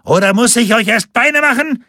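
A man's voice: very high-pitched, moderate pace, sharp tone, dry recording, studio quality, pitched above the performer's own voice. A man voicing a scrawny, sniffling bailiff who is spiteful and pompous, with a bullying, sneering manner.

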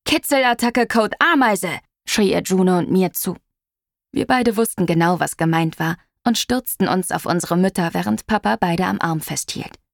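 A woman narrating an audiobook story in a lively storytelling manner. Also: on the low side, moderate pace, vocal fry, no room sound, clean studio sound. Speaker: audiobook reader.

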